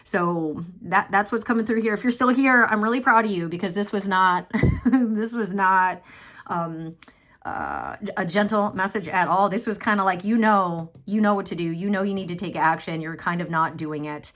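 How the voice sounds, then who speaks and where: A woman's voice: mid-range voice, a little fast, few pauses, a bit bright. A woman giving a channeled tarot reading at home, rambling and chatty with many fillers, apologizing and laughing nervously. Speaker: tarot card reader. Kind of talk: channeled pick-a-card reading.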